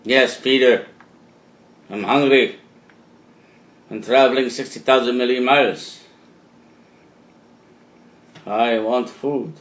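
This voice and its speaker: A man voicing a hungry male alien from another planet, making slow, flat, deliberate pronouncements. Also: mid-range voice, lightly acted. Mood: deadpan. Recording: roomy echo.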